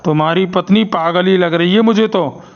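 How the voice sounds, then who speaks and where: A bossy cartoon principal with a gravelly, lowered voice, as a man puts him on. He scolds and threatens the staff in a stern tone, and the audio is slightly muffled and lo-fi. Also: moderate pace. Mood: scolding.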